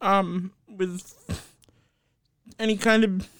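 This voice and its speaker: Slow halting podcast cohost, smooth clear voice, dry close sound, blunt opinions. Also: medium pitch, fairly even intonation, a bit bright, no room sound. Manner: halting, pausing often to search for words; defends unusual food picks with blunt opinions. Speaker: podcast co-host. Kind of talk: casual sports podcast chat.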